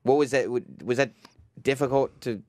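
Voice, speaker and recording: A man's voice: medium pitch, normal speed, a little mellow, no room sound. A man hosting, asking a guest curious questions. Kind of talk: interview chat.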